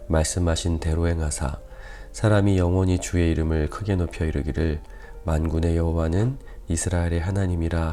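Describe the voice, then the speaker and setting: A male pastor with a weakened, quiet voice, leading an early-morning prayer service and reading scripture slowly and deliberately, with many "ah" pauses. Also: low-pitched. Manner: measured, careful enunciation with frequent "ah" pauses. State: weak, quiet voice.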